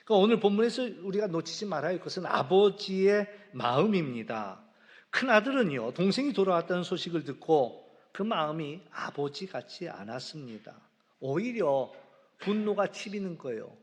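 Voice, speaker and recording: A man preaching a sermon as pastor, telling the story with lively swings in voice and acting out the characters' lines. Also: high voice, moderate pace. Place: church sanctuary. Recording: long church reverb.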